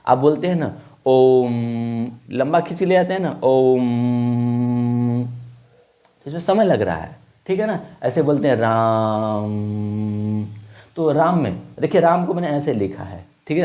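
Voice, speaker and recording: Slow-drilling man teaching a class. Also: a little high, lively intonation, mellow. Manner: slow, repeating points and asking questions. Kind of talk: classroom lesson to children.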